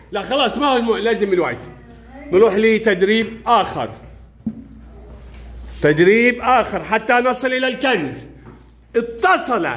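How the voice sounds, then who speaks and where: Speaking with an Egyptian Arabic accent in a very high, somewhat bright voice, a male primary school teacher works with young pupils in class, regularly offering encouragement and praise for their answers.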